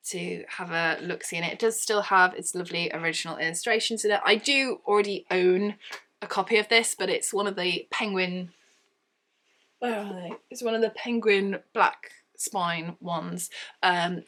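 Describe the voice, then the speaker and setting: A woman talks casually to camera about her books, her voice bright and a touch low. She rambles, corrects herself and keeps it chatty. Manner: chatty, rambling, self-correcting, laughs often. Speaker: book vlogger.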